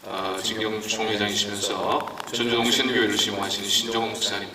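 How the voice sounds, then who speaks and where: A man with a fairly low voice formally introduces the next speaker at a church service. He is caught from far off in a large hall. The long echo and steady background noise stay under his words. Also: a little fast. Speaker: worship leader introducing the preacher. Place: large hall at a retreat center. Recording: echoey hall, distant mic, noise.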